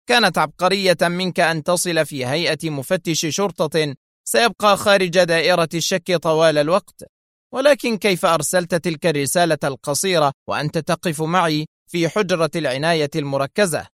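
A man's voice: a little high, fairly bright tone, no room sound, voice pushed up, lightly acted. A man voicing a cold, commanding male villain, menacing and tense in a dry recording.

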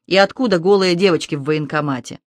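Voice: mid-range voice, fast talker, no echo, close to an everyday voice. Reader voicing an anxious, alarmed mother. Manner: alarmed, pleading. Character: anxious mother fearing for her son.

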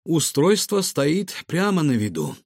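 A man voicing a calm, secretive older male inventor who explains himself in a measured way. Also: a little high, vocal fry, no room sound, studio quality, voice pushed up, exaggerated voice. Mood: resigned.

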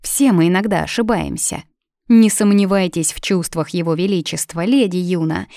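A woman voicing a kindly, chatty maid who speaks in a gentle, reassuring way. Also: fairly low pitch, moderate pace, gravelly, dry recording, clean studio sound. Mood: soothing.

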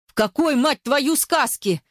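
A woman voicing a hot-tempered, protective young man who talks in gruff, clipped lines and swears, in an audiobook. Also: sits high, animated, unhurried, no echo, studio quality, voice pushed up. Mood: furious. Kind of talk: audiobook character voice.

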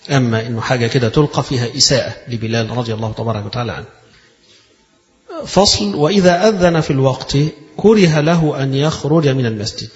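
A man with an Egyptian accent giving a religious lecture, reading a passage and then explaining it in colloquial speech, repeating phrases to show their pronunciation. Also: mid-range voice. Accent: Egyptian Arabic. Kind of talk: lecture explaining a read-out text. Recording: echoey hall, dull lo-fi sound.

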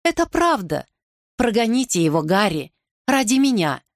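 A woman's voice: medium pitch, lively intonation, a little slow, darkish tone, dry recording, studio quality, voice pushed up, natural voice. A woman reader voicing a proud, jealous young royal lady who speaks heatedly and pleads. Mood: pleading.

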